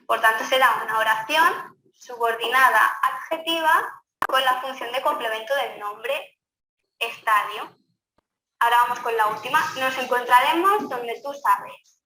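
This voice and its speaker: A woman's voice: a little high, sharp tone. A woman teacher from Spain, explaining grammar in a recorded lecture and talking straight to her students. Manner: explanatory, addresses students directly. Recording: echoey room, faint background noise.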